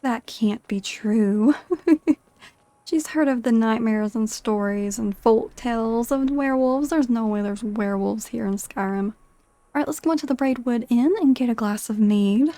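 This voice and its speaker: A woman's voice: fairly high pitch, moderate pace, dark tone, dry recording. A woman giving chatty, giggly commentary as she role-plays through a video game. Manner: giggly, chatty, narrates her character's feelings. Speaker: gamer narrating her playthrough.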